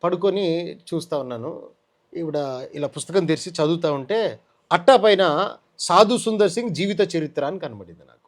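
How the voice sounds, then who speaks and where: A man with a Telugu accent giving an emotional testimony in an interview, telling his story in an animated way and acting out what others said. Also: on the high side, normal speed, pauses often.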